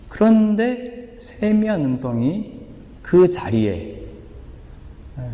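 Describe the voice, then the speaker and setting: A man's voice: a little high, warm tone. A man pastor preaching a sermon, asking rhetorical questions and voicing God and the prophet in turn. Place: church hall. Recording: echoey church hall.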